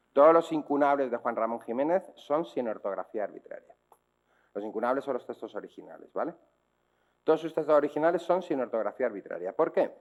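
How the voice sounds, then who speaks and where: A man's voice: mid-range voice, muffled recording. Spanish man giving a didactic talk. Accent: Spanish from Spain. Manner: didactic, checks in with rhetorical questions. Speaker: speaker on dyslexia. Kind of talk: public talk to teachers and parents.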